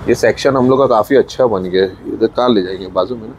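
A man's voice: on the low side, quick pace, a little mellow, slight background noise. Man with a Mumbai accent vlogging his farm. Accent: Mumbai Hindi. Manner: chatty, points things out, mixes in English words. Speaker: farm owner filming his buffalo feeding. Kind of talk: casual walkthrough vlog narration. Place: outdoor farm sheds.

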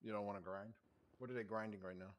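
A man with a very low voice rattles along at a brisk clip, chatting in character during an online game role-play. He is chatty and enthusiastic as he talks. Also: steady tone.

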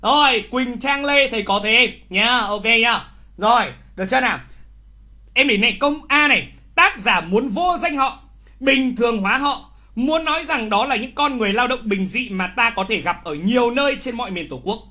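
Speaking at normal speed in an extremely high pitch, a male literature teacher runs a live online review for an exam. He teases playfully, comes back to key words often, and scolds mistakes with exclamations.

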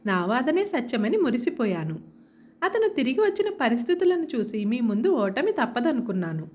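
A woman narrating a story in a measured, expressive reading. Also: fairly high pitch.

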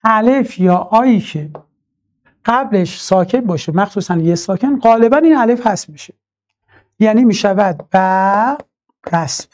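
A man's voice: high-pitched, expressive, darkish tone. Man teaching a recorded online class. Patient and methodical, repeats key terms and addresses students as dear ones. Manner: slowly chants verse lines when reciting.

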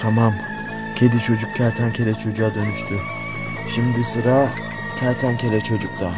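A man voicing a scheming boy mad scientist villain in a toy play video, talking in a low, bossy, plotting way. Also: level tone, normal speed, over loud music, natural voice.

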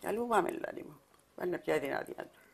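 Older woman, Cypriot Greek accent, gravelly creaky voice, halting documentary testimony. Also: on the low side, animated. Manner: halting, repeats words while recalling. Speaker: mother of the fallen soldier.

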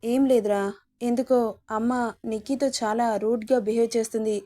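A woman's voice: on the high side, fairly even intonation, normal speed, dark tone, close to an everyday voice. A woman reading as a caring, teasing young husband. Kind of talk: storybook reading.

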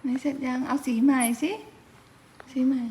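A woman, a family member filming a young child, chats casually with the little one, coaxing with short, repeated prompts. Her voice is high and dark in tone, level and at a normal speed. The recording has a roomy echo and faint background noise.

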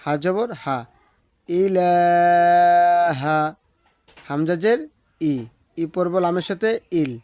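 A man's voice: high-pitched, animated, a little mellow, no room sound. Methodical man spelling out recitation. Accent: Bangladeshi Bengali. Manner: slow sing-song drawn-out recitation of words; patient methodical letter-by-letter spelling. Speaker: Quran recitation teacher.

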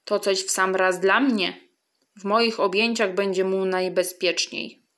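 A woman's voice: mid-range voice, fairly even intonation, measured pace, fairly bright tone, natural voice. Woman doing a sly hissing boa. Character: big sly hissing male boa snake.

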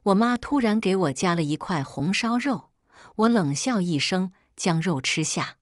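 A woman's voice: on the low side, lively intonation, a little slow, no echo, studio quality. A woman reading a family drama aloud as a scripted first-person narration, telling it expressively. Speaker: storyteller.

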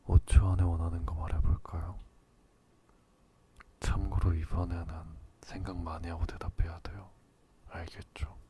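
A man performs a possessive, dominant male lover in a whispered role-play. His voice is low and dark, murmured with little melody. He coaxes and orders in turn, over clearly audible background noise. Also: level tone, lightly acted. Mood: coaxing, dominant. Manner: slow murmuring, coaxing and commanding, often whispering.

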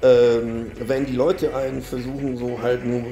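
A man giving excitable, casual commentary over his own mobile game, swearing often and filling pauses with "ähm" and "ne". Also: medium pitch, soft background music. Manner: excitable, swears a lot, frequent fillers. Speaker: gaming YouTuber. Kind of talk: live gameplay commentary.

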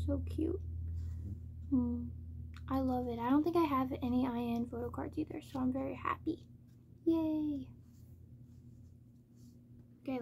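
A woman chatting casually as she hosts an unboxing, speaking in a monotone with little stress on her words. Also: high-pitched, a little hiss or hum. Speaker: K-pop album unboxing host. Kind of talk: casual chat, unboxing commentary.

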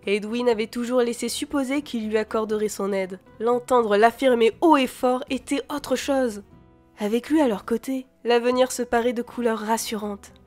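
High-voiced woman reading a novel. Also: normal speed, faint music behind. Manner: expressive, shifting voices for dialogue. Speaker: audiobook reader. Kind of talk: reading a fantasy novel aloud.

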